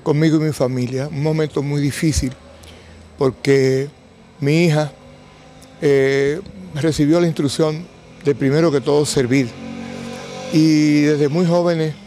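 A Dominican man in his seventies speaking in quiet grief, restrained and halting, in an interview into a handheld microphone. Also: fairly high pitch, steady tone, faint music behind. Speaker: bereaved father giving a press statement. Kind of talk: on-camera interview. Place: covered entrance outside a building.

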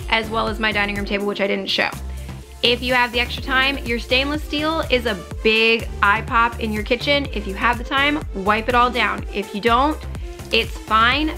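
A cleaning vlogger in her thirties, sitting on the couch in her home living room, explains her cleaning routine to viewers in a slightly high voice. Her voice-over is practical, instructive, and matter-of-fact, with background music clearly audible underneath.

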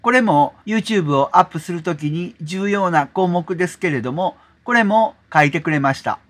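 A man hosting a software tutorial, explaining step by step in a polite manner, often adding 'desu ne' as filler. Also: high-pitched, expressive, moderate pace. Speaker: tutorial host. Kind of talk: screen-recorded software tutorial.

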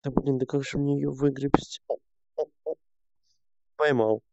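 Grumbling young man, gravelly voice. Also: medium pitch, steady tone, a little slow, darkish tone, no echo. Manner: grumbling, swearing, talking to himself. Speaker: streamer. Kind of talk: casual gameplay commentary. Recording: dull lo-fi sound.

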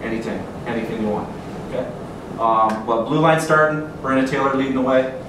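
A man's voice: mid-range voice, little pitch movement, a little fast. Echoey, distant male coach giving a pep speech. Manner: motivational, instructing in short clipped phrases. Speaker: hockey coach. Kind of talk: pregame locker-room pep speech. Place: large indoor team locker room. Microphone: far camera across the room. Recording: echoey room, distant mic, background noise.

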